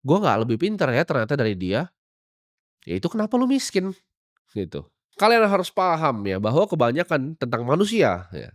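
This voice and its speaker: A man's voice: mid-range voice, dry recording, studio quality. A young man with giving a brash, lecturing motivational talk that drops in English phrases. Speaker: motivational speaker. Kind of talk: blunt motivational monologue.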